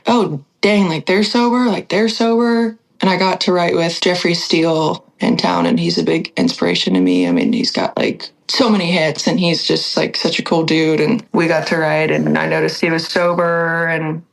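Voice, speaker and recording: A woman's voice: low-pitched, normal speed, gravelly, few pauses, low-quality recording. A woman singer-songwriter talking candidly in a casual podcast conversation, full of "like" fillers. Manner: chatty, lots of "like" fillers, candid.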